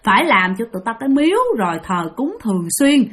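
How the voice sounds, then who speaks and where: A woman with a Southern Vietnamese accent voicing angry male ghosts of dead soldiers who possess a person and threaten in a shrill scolding way. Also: big pitch swings, fast, fairly bright tone. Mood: demanding.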